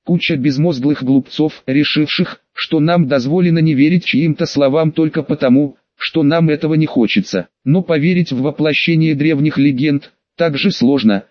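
A man voicing a wise, sorrowful old male dragon chief who speaks quietly in an audiobook. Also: fairly high pitch, normal speed, few pauses, no echo, muffled recording, close to an everyday voice. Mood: sad, quiet.

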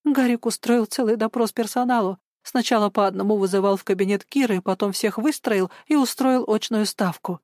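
A woman's voice: medium pitch, brisk, few pauses, darkish tone, dry recording, clean studio sound, lightly acted. A woman voicing a tearful, frightened woman who mumbles and hesitates. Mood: flustered.

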